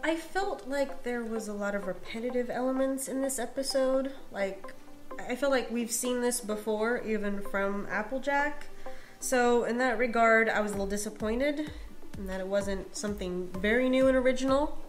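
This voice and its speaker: A woman presents a segment and co-hosts a casual review show, weighing her opinions in a measured, thoughtful way. Her voice sits slightly high, with faint music underneath. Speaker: podcast co-host, segment presenter.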